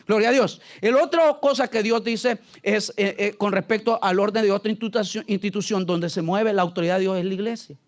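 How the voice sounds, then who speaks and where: High-voiced joking male pastor. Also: a little fast, hardly any pauses. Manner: joking, keeps asking the congregation "¿verdad?" and "¿aló?". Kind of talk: conversational Bible study sermon.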